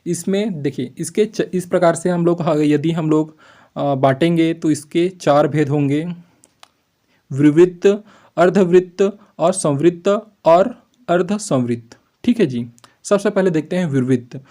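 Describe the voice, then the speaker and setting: A man with a slightly high, mellow voice leads an exam-prep lesson. He explains each point patiently and answers his own rhetorical questions. He keeps checking that his listeners follow, and he stretches out sample vowel sounds slowly. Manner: explains step by step, often checks with "ठीक है जी"; asks rhetorical questions and then answers them. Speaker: teacher.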